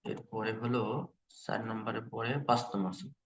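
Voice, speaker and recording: A man teaching Quran recitation in an online lesson, patiently repeating each letter sound slowly for learners. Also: lowish voice, level tone, vocal fry, echoey room.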